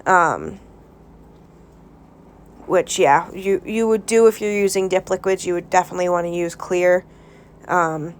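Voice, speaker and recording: A woman vlogger with a stuffed-up nose from a cold gives a casual nail tutorial at home, hesitant and full of ums and restarts. Her lowish voice is a little slow with long pauses, over slight background noise.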